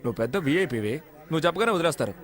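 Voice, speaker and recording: An actor playing a cheeky young con man in jail, teasing and quick with retorts in dubbed film dialogue. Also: a little high, big pitch swings, fairly bright tone. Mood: mocking.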